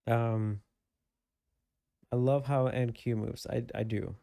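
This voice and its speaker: A man's voice: medium pitch, fairly even intonation, takes it slowly, creaky, dark tone, no room sound, studio quality. A man hosting a live trading stream from a desk microphone and webcam, thinking aloud about the market in an easygoing, chatty way. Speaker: livestream trading host. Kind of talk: casual live market commentary.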